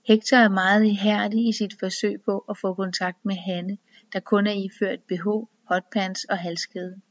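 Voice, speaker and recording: A woman narrating a story in an even, measured reading voice. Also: medium pitch. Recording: dull, dry lo-fi recording.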